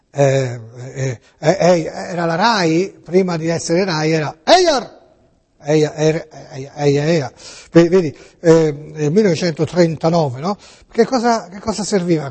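Middle-aged guy hosting, jokey and teasing, lots of little eh's, voice a bit high, long echo hanging after it. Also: a little mellow, breathy edge. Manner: playful and teasing, many "eh" fillers and restarts. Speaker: radio and TV host. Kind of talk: casual joking monologue to listeners.

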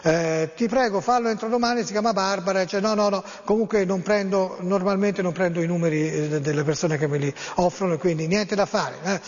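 Man, TV host, high voice, teasing, drawn-out fillers, long echo. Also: lo-fi sound. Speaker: TV host reading viewer text messages. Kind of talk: jokey live TV call-in chat.

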